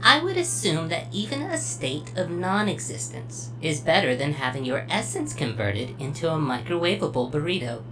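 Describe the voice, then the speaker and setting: A woman's voice: low voice, big pitch swings, normal speed, few pauses, music in the background, rough recording. A woman playing a polite, logical computer cash register in an audio drama, speaking formally and precisely. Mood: measured, reassuring. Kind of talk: scripted audio drama acting. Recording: clearly audible humming noise.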